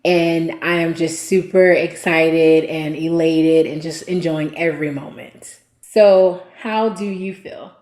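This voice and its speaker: A young adult woman speaking as a vlogger, talking to camera in an earnest, measured way. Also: sits low, fairly even intonation, darkish tone. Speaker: vlogger sharing family news. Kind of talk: casual chat to camera. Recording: roomy echo.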